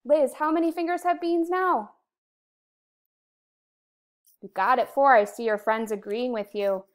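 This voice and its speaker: A woman in her thirties with an American accent, teaching young children in a kindergarten teacher voice, with simple encouraging phrases and clear counting. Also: sits high, normal speed. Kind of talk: slow instructional lesson to young children. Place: indoor room, recorded video lesson at a computer.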